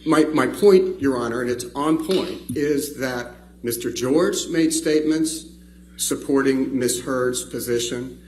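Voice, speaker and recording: A man argues as a trial attorney over a faint background hum. His delivery is deliberate and emphatic, with a rhetorical edge, and his pitch sits in an ordinary male middle range. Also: darkish tone, poor audio. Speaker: trial attorney arguing a motion. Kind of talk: courtroom legal argument. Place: courtroom.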